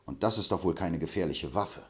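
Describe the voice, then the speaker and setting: A man reading an audiobook, voicing a calm, stern frontier hero who speaks firmly and commandingly. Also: low voice, fairly quick, lightly acted. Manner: firm and commanding.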